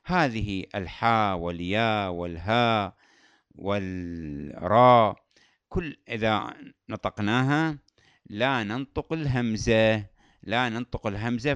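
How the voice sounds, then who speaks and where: A man teaching Quran recitation rules, explaining patiently, repeating key terms and chanting verse examples slowly. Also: fairly low pitch, a bit bright, clean tone, dry recording. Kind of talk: tajweed lesson.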